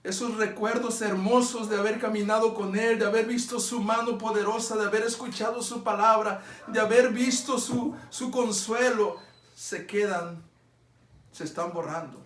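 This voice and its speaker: A man's voice: high voice, steady tone, moderate pace, a bit bright, reverberant. A man preaching a sermon as pastor, earnest and pleading, asking his listeners many direct questions. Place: church sanctuary.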